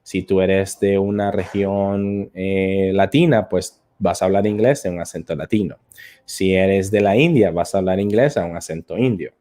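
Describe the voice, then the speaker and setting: A man with a low, mellow voice speaking at normal speed hosts a live-stream English lesson. He answers viewer comments hesitantly, filling his speech with filler sounds and repeated words.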